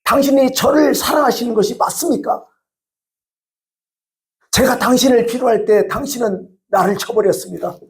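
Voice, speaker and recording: A man's voice: extremely high pitch, moderate pace, long pauses, pitched above the performer's own voice. A man voicing a suffering believer who bitterly pleads with God and complains to him. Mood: pleading.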